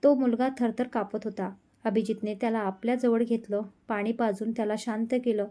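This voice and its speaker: A woman narrating an emotional love story in a steady, scripted storytelling manner. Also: on the high side, normal speed.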